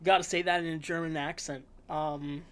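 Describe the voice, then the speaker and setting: A man hosting a casual sports preview podcast, talking in a relaxed, rambling way with fillers and self-corrections. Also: fairly high pitch, normal speed, clear, resonant tone. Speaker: podcast host.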